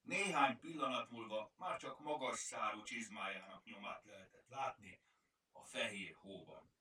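A man narrating a children's audiobook in a measured storytelling manner. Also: fairly low pitch, bright, forceful tone. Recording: roomy, distant mic.

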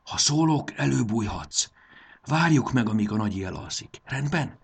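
A man voicing an excited, secretive schoolboy who talks in a hushed, husky voice. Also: medium pitch, voice pushed up. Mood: hushed eager.

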